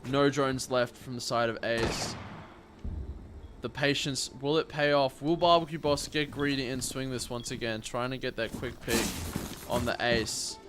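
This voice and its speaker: A man doing esports play-by-play commentary on a shooter match, in a caster's manner that moves between tense build-up and excited calls. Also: medium pitch, unhurried, noisy background.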